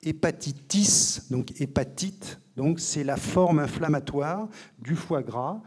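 A man's voice: fairly high pitch, slow pace, a little mellow, breathy edge. A male doctor and author explaining things in an interview, in a didactic tone with frequent hesitations. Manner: didactic, many fillers and restarts.

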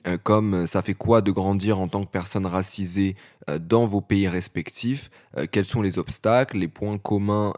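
Man, fairly low voice, podcast host, friendly, measured, frequent fillers. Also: a little mellow. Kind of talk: hosting a podcast round table.

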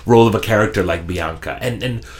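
A man hosting a podcast interview, asking long questions with many halting restarts and repeated words. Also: on the low side. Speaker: podcast host. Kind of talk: conversational interview.

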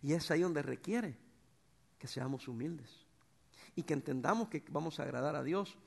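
A middle-aged man preaching a sermon as pastor, swinging between loud bursts and soft, tender passages. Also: on the high side, normal speed, vocal fry, breathy edge. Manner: animated preacher, swings from shouts to soft tones.

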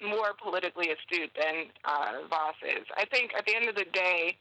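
A woman speaking as a panelist in a political discussion, making a forceful, sarcastic critique. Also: on the low side, normal speed, no echo, low-quality recording.

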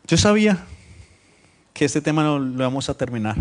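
A man preaching a Spanish-language sermon to his congregation, switching between loud, emphatic scripture reading and quiet, joking asides. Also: on the high side, lively intonation, moderate pace. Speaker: pastor. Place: church meeting room, streamed live.

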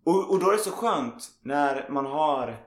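A man hosting a podcast in casual conversation, telling stories animatedly and acting out what others say. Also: a little high. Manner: animated storytelling, acts out others' remarks. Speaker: podcast host. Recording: roomy echo.

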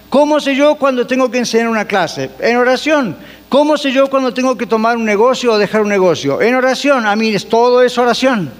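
A man's voice: very high voice, big-room sound. A man preaching a sermon as pastor, asking the congregation questions and answering them himself, and dropping in English phrases.

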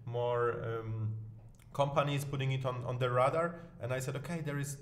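A man's voice: mid-range voice, fairly even intonation, normal speed. Man, repeating his words. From Poland. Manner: often repeats words as he starts a phrase. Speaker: guest. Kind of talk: casual interview talk.

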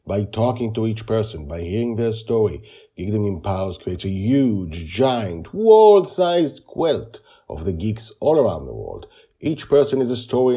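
A man hosting a podcast introduction, his voice raspy, worn out and hoarse from the flu. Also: deep voice, mellow. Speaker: podcast host.

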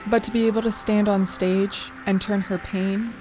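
A woman reading scripted narration for an audio story in a measured storytelling cadence. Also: medium pitch, level tone. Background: music bed.

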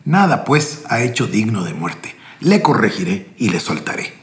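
Male preacher, gravelly voice with lively pitch, reading scripture emphatically in an echoey room. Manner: reads scripture with emphatic, rising delivery. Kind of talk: scripture reading and sermon commentary.

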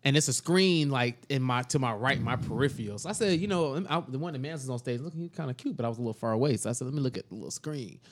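A man's voice: mid-range voice, lively intonation, quick pace, hardly any pauses. A man on a casual podcast telling a story, acting out both sides of it with lots of drama.

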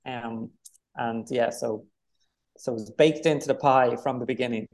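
A man's voice: medium pitch, moderate pace. A man with a Dublin accent, a film director talking casually in an interview, rambling with lots of fillers. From Ireland. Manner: rambling, relaxed, many fillers.

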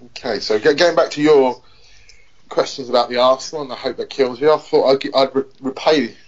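A man's voice: medium pitch, fairly quick. A man co-hosting a podcast, chatting casually with a playful, teasing manner. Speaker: podcast co-host. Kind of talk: casual chat. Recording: dull lo-fi podcast audio.

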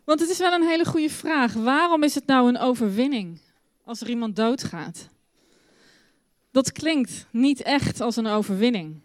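Expressive woman storyteller for kids in church, bright-pitched and close. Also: a little slow, no echo. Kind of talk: Bible story told to children.

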